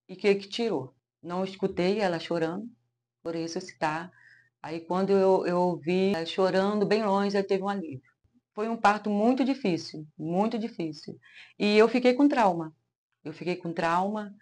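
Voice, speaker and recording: A Brazilian woman gives a personal testimony in a plain middle-pitched voice. She talks haltingly, restarting her phrases and letting her sentences trail away. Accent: Brazilian Portuguese. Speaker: interviewee sharing a personal story.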